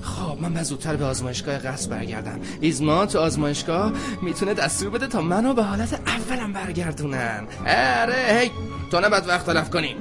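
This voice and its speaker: Kuzco, a whiny vain llama emperor. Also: male voice, a little high, expressive. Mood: bossy. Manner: whiny, sarcastic and self-absorbed. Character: vain young male emperor turned into a llama. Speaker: dubbing actor. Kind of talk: animated film dub. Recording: film dub with music behind.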